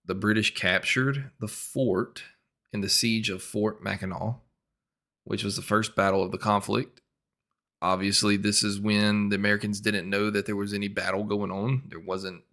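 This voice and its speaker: A man co-hosting a podcast, reading out history from notes, spelling names letter by letter and trailing off quietly at sentence ends. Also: on the low side. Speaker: podcast co-host. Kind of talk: casual podcast chat.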